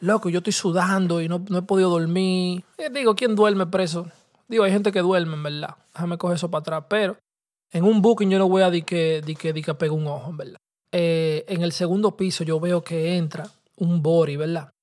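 A young podcast host with a Dominican Spanish accent tells a personal story in a high, brisk, darkish voice. He talks casually in loose street slang, dropping in English words.

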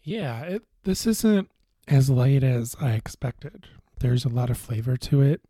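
A man co-hosting a podcast in casual beer-tasting chat, relaxed and hesitant, with many fillers and restarts. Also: medium pitch, unhurried, husky, no room sound, clean studio sound. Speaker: podcast co-host.

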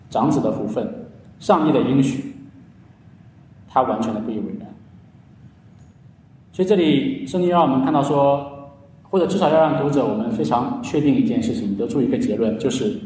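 A man's voice: medium pitch, mellow, a little hiss or hum. A man preaching a sermon in earnest storytelling style, often stretching his sentence endings. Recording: echoey hall, heard from a distance.

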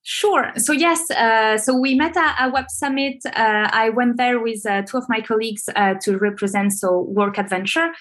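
A woman's voice: a little high, normal speed, few pauses, fairly bright tone. A woman being interviewed over a video call, talking casually with many fillers and restarts. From Venezuela. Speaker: guest, marketing manager. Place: home in Paris.

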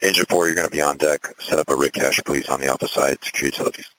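A fire battalion chief serving as incident commander gives clipped, composed orders over two-way radio in procedural emergency dispatch traffic. His rumbling low voice is a bit bright, with fairly even intonation and rapid-fire delivery, and the audio is poor.

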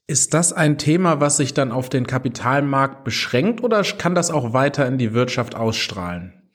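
A man's voice: medium pitch, big pitch swings, moderate pace. A man hosting a formal interview podcast, addressing his guest and listeners courteously.

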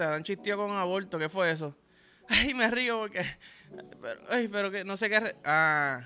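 A man's voice: high voice, bright, forceful tone. A Puerto Rican man hosting a podcast, telling a crude, profane, rambling story in slang-heavy casual talk. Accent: Puerto Rican Spanish. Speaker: podcast host.

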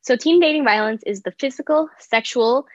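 A woman's voice: high voice, moderate pace. A young woman presenting on a youth podcast in an informal, conversational way. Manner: peppers talk with "like". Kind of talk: informal discussion. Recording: slightly dull, roomy sound.

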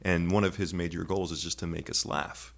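A young father talking in a casual panel chat, thoughtful and halting, with many fillers. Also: sits low, steady tone, creaky. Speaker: parent guest on a panel.

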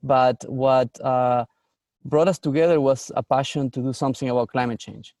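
A man's voice: medium pitch, fairly even intonation, moderate pace, darkish tone, no room sound, studio quality. A man from Argentina, a startup founder answering interview questions earnestly, with frequent fillers and restarts.

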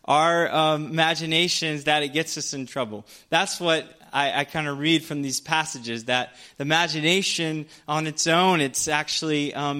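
A man's voice: fairly high pitch, pushed and bright, clean tone. A young man preaching a casual sermon, retelling Bible stories with frequent ums and playful voices for the characters.

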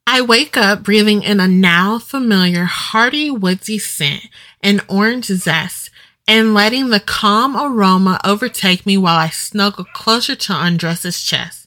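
A woman's voice: mid-range voice, pushed and bright. A woman host narrating an erotic audio story in intimate first person, with guitar music behind.

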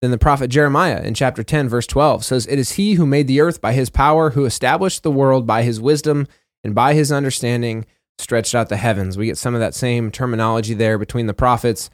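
A man at a middle pitch, co-hosting a relaxed Bible study chat. He reads verses aloud and then talks them through plainly, with the odd "uh" and quick self-correction. The sound is close and dry, with no room around it. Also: dry recording. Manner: conversational, reads scripture passages aloud with fillers and self-corrections. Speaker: co-host of a Bible discussion. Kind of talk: casual Bible study discussion.

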